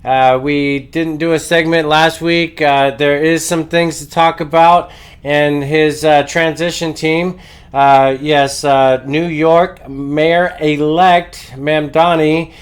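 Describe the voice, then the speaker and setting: A man delivers opinionated news commentary as the host of his show. His voice is clean and smooth though congested with a head cold, and he takes his time, halting on long uhs. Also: on the high side, steady tone.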